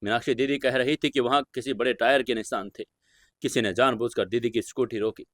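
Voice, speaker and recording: An actor playing a young male college student who is crying and speaks in a breathless, halting way. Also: mid-range voice, fairly even intonation, fairly bright tone, no room sound, studio quality, close to an everyday voice. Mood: sobbing.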